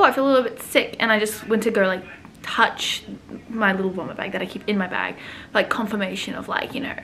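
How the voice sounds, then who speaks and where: A woman's voice: medium pitch, bright, forceful tone. A woman in her twenties talking candidly to a close-held phone camera in a small room, rambling with fillers. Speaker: travel vlogger. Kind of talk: casual vlog chat. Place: small indoor room at accommodation.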